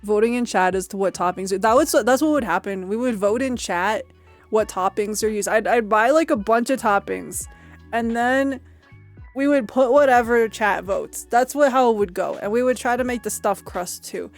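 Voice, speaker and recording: A woman's voice: on the high side, normal speed, faint music behind. A young woman streamer chatting casually with her viewers, giggly and rambling, often repeating herself.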